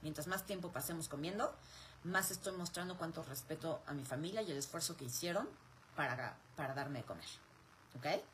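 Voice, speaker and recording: A woman's voice: sits low, fairly quick, fairly bright tone, slight background noise. A woman with a Mexican accent answers viewer questions in a live chat, explaining step by step and posing rhetorical questions she then answers. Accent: Mexican Spanish.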